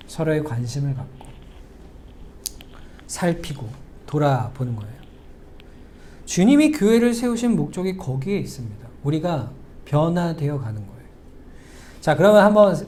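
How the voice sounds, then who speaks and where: A middle-aged male pastor giving a sermon in a church, talking conversationally, asking the congregation questions and slowing to a near whisper for emphasis. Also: on the high side, dark tone. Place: church sanctuary.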